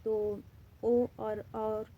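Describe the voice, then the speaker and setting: A woman's voice: a little high, flat delivery, extremely slow, phone-quality sound, slight background noise. A woman Hindi grammar teacher with an Indian accent, giving a classroom-style lesson in which she poses questions and then answers them, repeating key terms.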